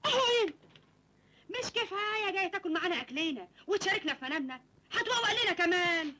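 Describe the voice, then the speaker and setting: An actress with an Egyptian accent playing a sharp-tongued village wife who scolds her husband and the guest. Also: extremely high pitch, animated, fast, full character voice. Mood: scolding. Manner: nagging, scolding.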